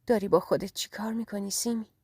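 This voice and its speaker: A woman's voice: medium pitch, fairly even intonation, darkish tone, slightly rough, dry recording, natural voice. A young man still in love with his former sweetheart, speaking in a tender and pleading way, as a woman narrator puts him on. His voice sits in an ordinary register and sounds dry and close in this audio story. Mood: insistent.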